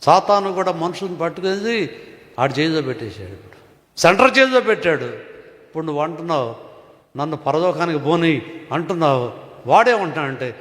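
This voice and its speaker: High-voiced pastor preaching in echoey hall. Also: male voice, very animated, a little fast, pauses often. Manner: rhetorical questions, swings between loud and hushed. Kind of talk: sermon.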